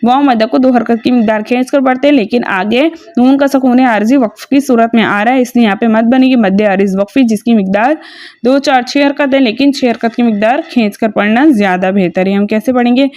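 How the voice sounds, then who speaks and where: A woman teaching Quran recitation rules patiently, step by step, spelling out syllables slowly. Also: on the high side, darkish tone, dry recording, studio quality. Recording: slightly dull lo-fi recording.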